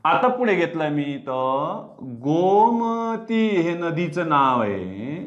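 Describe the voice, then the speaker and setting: A man's voice: a little high, sing-song, slow. A man teaching a grammar lesson online, explaining step by step and asking his students questions. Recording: dull, roomy sound.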